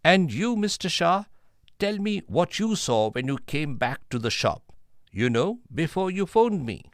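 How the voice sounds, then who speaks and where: A calm police inspector. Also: male voice, fairly high pitch, dry recording, clean studio sound. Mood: firm questioning. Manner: measured, questioning. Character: calm male police inspector questioning witnesses. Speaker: police inspector in a textbook dialogue.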